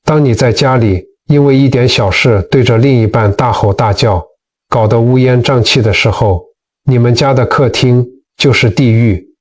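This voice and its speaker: A man's voice: medium pitch, normal speed, far from the mic. Earnest male storyteller narrating a teaching. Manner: earnest, addresses listeners as friends. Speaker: narrator of Buddhist teaching channel. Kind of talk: scripted moral storytelling narration.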